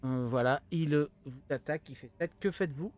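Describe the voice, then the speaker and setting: Higher-voiced man running a tabletop game. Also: fairly quick, darkish tone. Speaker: game master. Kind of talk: improvised tabletop game narration.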